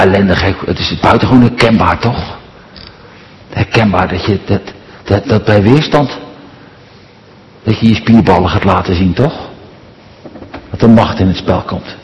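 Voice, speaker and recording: A middle-aged man from the Netherlands preaching a sermon, earnest and rhetorical, often tagging on questions. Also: fairly low pitch. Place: church. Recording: long reverb of a large church.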